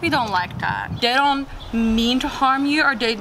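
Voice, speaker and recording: A woman with a fairly high voice hosts a casual explainer vlog. She explains things simply with examples, and very loud rumbling background noise runs under her speech. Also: unhurried. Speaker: video host. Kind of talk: informal explainer vlog chat. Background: loud steady ambient noise.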